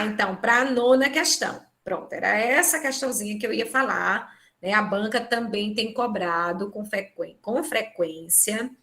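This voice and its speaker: On the high side and sharp in tone, a woman's voice comes through a computer microphone on a live video call from a home or office. She has a Brazilian Portuguese accent and teaches an online exam-prep class, explaining step by step and using tag questions to check in.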